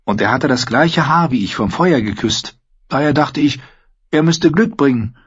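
Guy doing a cheeky wild warrior girl, pitched way up, husky and kinda lo-fi. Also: expressive, moderate pace. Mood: boastful. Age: 19 (figure). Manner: teasing, blunt, playful. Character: bold teasing young wildling woman warrior.

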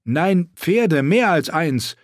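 A man's voice: fairly high pitch, animated, slow pace, no echo, clean studio sound, pitched above the performer's own voice. A man voicing a tough, wary woman captain in an audiobook, speaking tersely. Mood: alert.

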